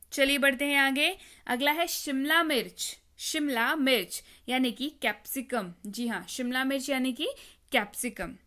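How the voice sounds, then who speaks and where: A woman's voice: high voice, fairly bright tone. A woman gives a patient vocabulary lesson. She says each word twice and asks the listener to repeat it back. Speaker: teacher. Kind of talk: spoken English vocabulary lesson.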